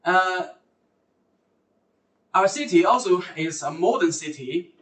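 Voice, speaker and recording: A man's voice: high-pitched, animated, slow pace, fairly bright tone. A man hosting a live university recruitment lecture, speaking hesitantly with fillers and self-corrections. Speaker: host. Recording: roomy sound from far off the mic.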